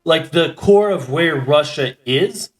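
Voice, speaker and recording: A man's voice: on the high side, expressive, slow pace. A man co-hosting a casual podcast, thinking aloud with many fillers and restarts. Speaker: podcast co-host. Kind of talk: casual chat.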